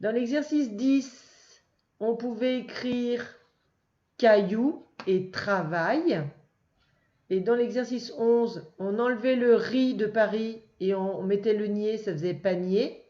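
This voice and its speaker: A woman teacher walks a young child through the answers, patient and careful, addressing them directly. Her voice is mellow and soft-edged. The recording is roomy and a little dull. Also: a little high, steady tone. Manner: patient, slow and clear, addressing one child. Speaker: first-grade teacher.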